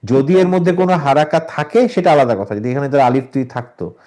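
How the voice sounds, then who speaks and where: A man teaching a Quran reading class online, who corrects his students and patiently explains the rules step by step, slowing down to demonstrate the recitation. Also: mid-range voice, warm tone.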